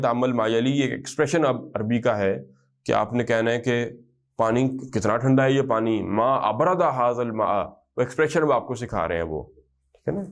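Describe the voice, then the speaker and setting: Man teaching Arabic grammar patiently. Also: mid-range voice. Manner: explanatory, drills Arabic phrases slowly, checks understanding often. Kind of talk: classroom lesson.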